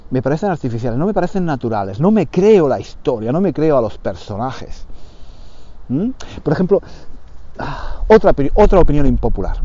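A man talks to language learners, repeating himself and checking in often. His voice is mellow and his pitch moves a lot. The recording sounds slightly dull and lo-fi. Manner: lively, repeats phrases, checks understanding. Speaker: Spanish teacher for learners. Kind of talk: casual opinion talk for learners.

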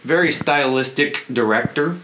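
A man's voice: on the high side, moderate pace, background noise. A man hosting a casual podcast chat, rambling with lots of fillers and restarts. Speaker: podcast host.

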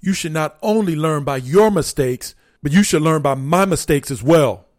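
Earnest motivational coach, dry close sound. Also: male voice, a little high, expressive, normal speed, darkish tone, no echo. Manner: earnest, repetitive, preachy, quotes definitions. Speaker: motivational podcast host and coach. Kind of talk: motivational monologue.

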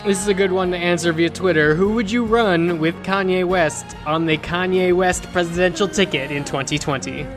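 A man's voice: sits high, moderate pace, hardly any pauses, over music. A man co-hosting a podcast in a casual, joking style of chat. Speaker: podcast co-host.

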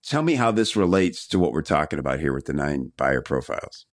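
A man's voice: a bass voice, sing-song, brisk, no room sound, studio quality. A man hosting a podcast interview, chatting casually with frequent "you know" fillers. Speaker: podcast host.

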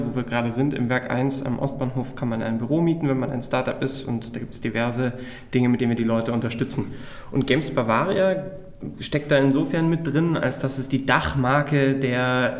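The room echo is plain around this man's voice, which sits at an average pitch. He speaks as an interview guest, explaining in a conversational way. His delivery is halting, with pauses as he searches for wording. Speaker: interview guest, games funding project manager. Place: echoey room in an office building. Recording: echoey room.

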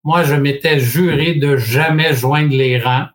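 This interview guest is a franchise expert from Quebec, a man in his sixties with a Québécois French accent. His pitch runs a little high and his intonation stays fairly even as he recounts his story with measured pacing, frequent pauses of hesitation, and a dry wit.

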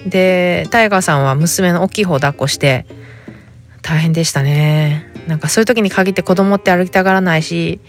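A woman in her thirties from Japan with a Hakata accent, hosting a casual solo chat and telling stories animatedly with quoted dialogue. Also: fairly low pitch. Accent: Hakata dialect. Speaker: podcast host.

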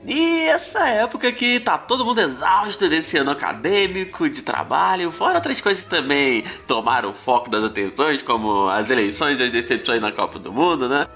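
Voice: medium pitch, big pitch swings, moderate pace, few pauses, fairly bright tone, faint music behind. A podcast host from Brazil, explaining a science topic in a chatty, conversational way with rhetorical questions.

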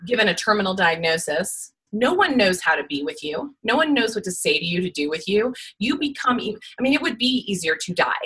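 Female podcast guest, 40s, smoker's rasp, bright forceful edge, candid and emphatic storyteller. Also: mid-range voice, big pitch swings, a little fast, few pauses, low-quality recording. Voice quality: smoky, raspy, like a smoker's rasp. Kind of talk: candid personal storytelling in conversation.

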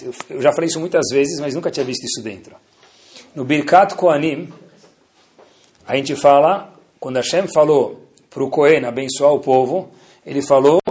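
A man's voice: on the high side, darkish tone. A man giving a sermon-style Torah lesson, asking rhetorical questions and answering them himself. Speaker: rabbi teaching.

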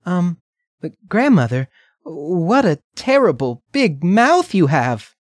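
A sweet, innocent little girl, as a man puts her on, lifted well above his own voice and chirping eagerly in a storybook reading. Her lines come slow and dry, close to the mic. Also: high-pitched, very animated, no room sound, voice pushed up, exaggerated voice. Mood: wondering.

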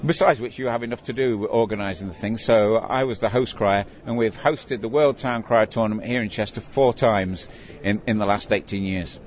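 A man's voice: fairly low pitch, normal speed. An older man who works as a town crier, telling stories conversationally in an interview. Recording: dull recording with clear background noise.

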